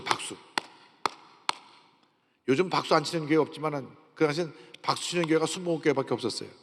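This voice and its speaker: Sixtyish pastor man giving his testimony in a sermon, gets loud then soft, long church echo. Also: on the high side. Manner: storytelling with sudden swings in loudness. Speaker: senior pastor. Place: large church sanctuary. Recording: long reverb of a large church hall.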